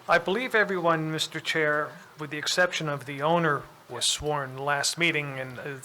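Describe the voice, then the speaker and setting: A man acting as a board attorney, giving procedural instructions in a measured, official way. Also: fairly high pitch, heavy background noise. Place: public board meeting room.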